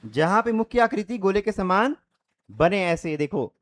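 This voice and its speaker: With a high pitch that swings widely, this young man teaches Hindi grammar online at a measured pace, his tone a bit bright. He demonstrates vowel sounds out loud and breaks each point into steps, pausing to check understanding.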